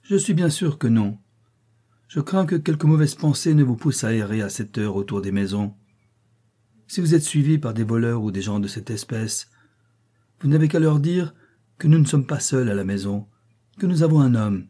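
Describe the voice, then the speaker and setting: A man's voice: medium pitch, lively intonation, normal speed, dark tone, natural voice. A man voicing an old female servant who is honest but unbending, speaking sternly in a storybook reading. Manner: stern, scolding.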